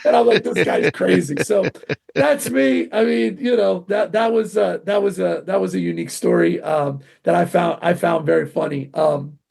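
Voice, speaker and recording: A middle-aged man, a martial arts grandmaster, telling animated stories in an interview, acting out quotes with sudden jumps in pitch. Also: normal speed, creaky, slightly rough. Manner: excitable, acts out quotes with big pitch jumps.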